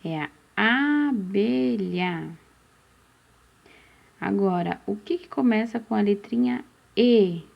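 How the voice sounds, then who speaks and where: A Brazilian woman teaching a slow, patient phonics lesson for young children, stretching out syllables and asking questions that she then answers herself. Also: mid-range voice, gravelly. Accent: Brazilian Portuguese. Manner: drawn-out syllables, asks questions and answers them. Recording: dull, muffled lo-fi recording.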